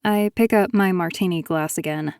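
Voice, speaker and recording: A woman narrating a first-person thriller audiobook in a measured, even way. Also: on the low side, clear, resonant tone, no room sound, studio quality.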